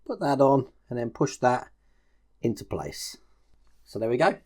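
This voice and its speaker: The host of a model-building channel chats casually through a step-by-step build tutorial, explaining each move as he works. His medium-pitched voice swings widely in pitch, unhurried, a little mellow and husky.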